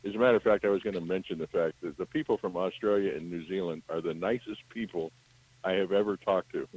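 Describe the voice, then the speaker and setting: Deep-voiced man on a muffled call. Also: fast, husky. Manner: relaxed, rambling, many fillers. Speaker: phone-in guest, magazine publisher. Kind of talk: casual radio call. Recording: muffled radio call line.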